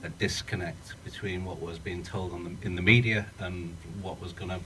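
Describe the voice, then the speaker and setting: A low-pitched man speaks at a normal speed in a steady tone that sounds pushed and bright, with a slight hiss or hum. He is a British writer-director thinking aloud earnestly during a post-screening Q&A, raising his voice because the screening room has no working mic. The audio has a distant, roomy sound.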